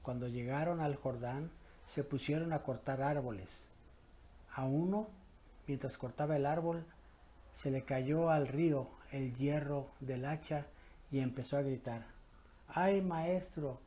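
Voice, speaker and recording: A man with a Mexican Spanish accent, a parish priest greeting the faithful, leading prayer and reading scripture in a slow, measured, solemn way. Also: fairly high pitch, warm tone.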